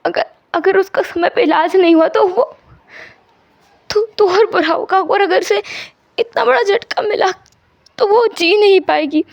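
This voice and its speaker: A woman's voice: a little slow, gravelly, pauses often, no echo, muffled recording, heavily acted. A woman voicing a desperate young man who pleads tearfully to be let out of a hospital, in a storytelling reading. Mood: tearful begging. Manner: pleading, tearful, high-strung.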